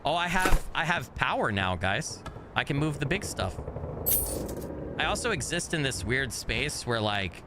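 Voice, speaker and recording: Streaming a game, an American man with a faint regional accent chats casually with viewers at a measured pace. His mid-range voice is very animated, and he rambles, often restarting sentences. Background noise can be heard.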